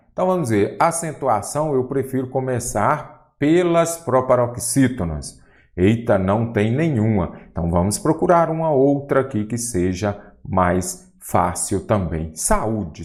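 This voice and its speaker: A man with a Brazilian Portuguese accent teaching a grammar lesson for exam prep, talking straight to the viewer and asking questions as he goes. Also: fairly low pitch. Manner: didactic, lively, addresses viewer directly with questions.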